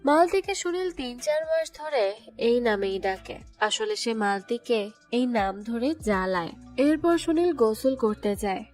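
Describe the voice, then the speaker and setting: A woman narrating a movie plot as a steady, scripted storytelling recap. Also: fairly high pitch. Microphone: voice-over. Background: soft background music.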